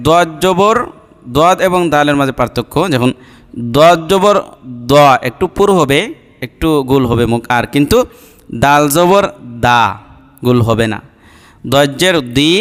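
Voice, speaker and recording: A man's voice: a little high, expressive, normal speed, long pauses, fairly bright tone, clean tone, big-room sound. A man teaching Arabic letter pronunciation for Quran reading, repeating each sound and explaining patiently. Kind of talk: slow step-by-step pronunciation lesson.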